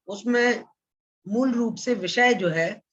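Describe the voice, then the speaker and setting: A man teaching a scripture class online, reciting Sanskrit terms slowly and deliberately and repeating them syllable by syllable. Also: very high-pitched, fairly bright tone, slightly rough. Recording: dull lo-fi recording.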